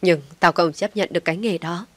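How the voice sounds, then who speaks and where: A woman's voice: fairly low pitch, fairly even intonation, fairly quick, no room sound, lightly acted. A woman voicing an older mother, heartbroken and reproachful, who wails as she disowns her daughter, in a storybook reading. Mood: anguished. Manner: wailing, reproachful.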